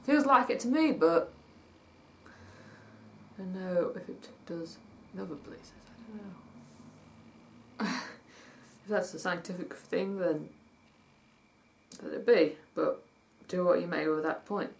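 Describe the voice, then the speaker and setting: This woman's husky voice hasn't warmed up yet as she rambles through a casual vlog, reading list points aloud, commenting, and spelling words letter by letter. She speaks slowly at a fairly low pitch, leaving long pauses. She's at home in the daytime, with faint traffic outside.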